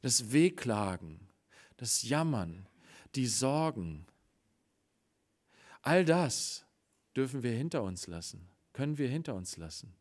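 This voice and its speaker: A man preaching a Sunday sermon in a church, swinging between loud exclamations and hushed, quiet passages, and acting out the voices of the story he tells. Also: medium pitch, sing-song, takes it slowly, long pauses. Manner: acts out quoted voices in the story.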